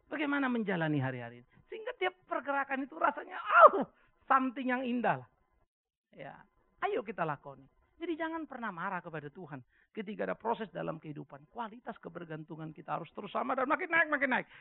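Pastor, male, older, high gravelly voice, lively sermon delivery, tinny lo-fi sound. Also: fast, dry recording. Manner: animated preaching, swings from soft musing to shouting.

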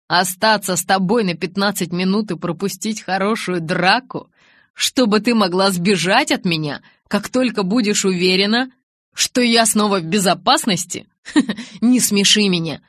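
A woman's voice: mid-range voice, moderate pace, no echo, studio quality, natural voice. A woman reading a brash teasing young man. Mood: mocking. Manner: loud, teasing, defiant.

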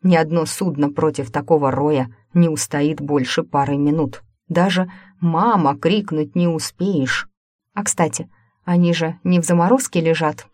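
A woman's voice: low voice, steady tone, moderate pace, darkish tone, dry recording, clean studio sound. A woman narrating a first-person story as a scripted audiobook, in a conversational way with wry asides.

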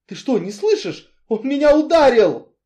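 A man's voice: fairly high pitch, very animated, moderate pace, mellow. A man voicing an indignant forty-year-old woman who screams insults in an audiobook. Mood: furious. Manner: shrieking insults, then cold and bitter. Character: furious 40-year-old woman, proud and shrill.

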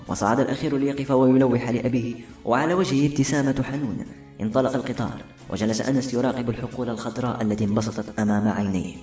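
Male audiobook narrator, fast and mellow, smooth storytelling, echoey room with faint music underneath. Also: mid-range voice. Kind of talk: scripted novel narration.

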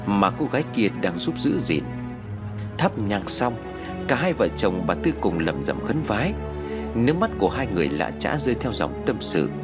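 A man narrating a ghost story in an expressive, scripted storytelling style. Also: on the low side. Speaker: audiobook narrator.

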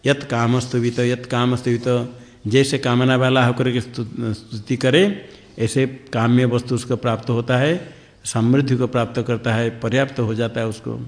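Man giving a slow spiritual discourse. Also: medium pitch, flat delivery. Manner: slow, repeats words to drill Sanskrit pronunciation; chants Sanskrit verses in between explanations. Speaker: swami teaching Upanishads.

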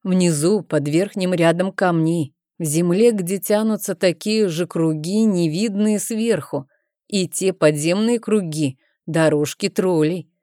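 A woman narrating an audiobook in a measured storytelling manner. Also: on the low side, mellow, no echo, clean studio sound.

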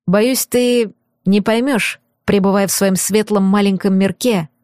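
A woman's voice: mid-range voice, fairly even intonation, a little slow, a little mellow, no echo, studio quality, natural voice. A woman reading an audiobook and voicing a stern, torn young aristocratic man with firm, clipped, bitter delivery. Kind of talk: audiobook character voice.

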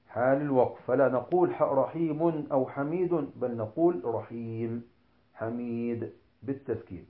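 A man teaching tajweed rules, explaining slowly and drawing out each example word for emphasis. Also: mid-range voice, echoey room, narrow, tinny audio. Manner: slow, deliberate explanation, with examples drawn out for emphasis. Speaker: Quran recitation teacher. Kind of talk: tajweed lesson.

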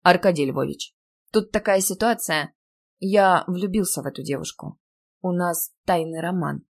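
Female narrator playing a relaxed, affectionate young man; soft, quiet delivery, lowish voice. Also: moderate pace, gravelly. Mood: calm. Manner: soft, calm, tender. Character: calm teasing young male PE teacher in love.

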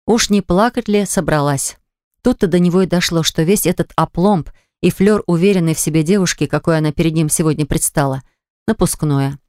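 An audiobook narrator reading scripted prose in an even, measured manner, recorded in a studio. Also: medium pitch, no echo.

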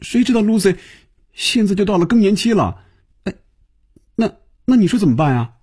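A man's voice: mid-range voice, sing-song, brisk, mellow, slightly rough, pitched above the performer's own voice. A man voicing a petulant young woman office worker, whiny and coaxing in an audiobook. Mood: flustered.

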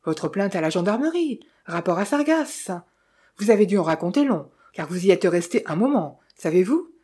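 Reading an audiobook, a woman gives voice to a talkative village innkeeper who relishes spreading gossip, full of sly teasing and knowing asides. The character voice is mellow and slightly husky, mid-range and sing-song, at a moderate pace, with a confiding mood.

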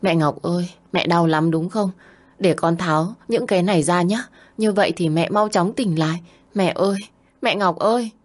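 A woman's voice: on the low side, normal speed, lightly acted. A woman voicing a small boy who cries and pleads for his mother in a storybook reading. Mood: timid. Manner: tearful pleading.

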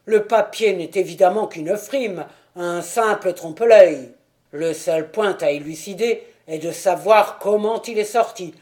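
A man's voice: sits high, measured pace, darkish tone. A man reading the part of a stout, self-assured police detective who speaks in an important, sour tone. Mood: self-satisfied.

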